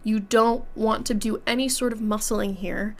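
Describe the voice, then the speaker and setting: A young voice teacher talks through a singing lesson while congested from a cold. Her voice sits a little high, and she explains things in a clear, instructive, reassuring way. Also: fairly even intonation, normal speed.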